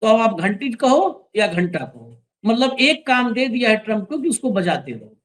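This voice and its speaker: A man's voice: sits high, sing-song, normal speed, a bit bright, low-quality recording. A man hosting an opinionated news commentary show, speaking in a sarcastic, emphatic way and directing the crew to roll clips.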